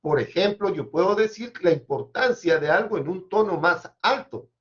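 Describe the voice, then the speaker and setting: A man giving an academic seminar presentation, measured and explanatory with occasional hesitations, on a dull lo-fi recording. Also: high-pitched, expressive, breathy edge.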